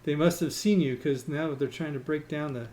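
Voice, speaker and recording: A man in casual voice chat with friends while playing a game, explaining things haltingly with fillers. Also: a little high, dark tone. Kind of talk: casual voice-chat gameplay talk.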